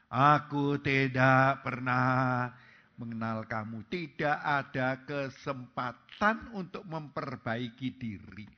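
Man preaching, higher voice, loud-to-soft swings, muffled lo-fi sound. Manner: preaching with sweeping shifts between loud calls and soft low phrases. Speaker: pastor. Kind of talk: sermon. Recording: dull lo-fi recording.

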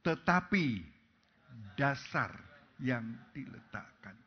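A man preaching a sermon, swinging between loud calls and soft, low phrases. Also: expressive, slow. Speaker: pastor. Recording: dull lo-fi recording.

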